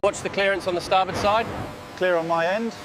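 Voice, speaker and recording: A man's voice: high voice, steady tone, a little fast, very noisy. A man giving terse work instructions as an assembly crew member, over a helmet radio.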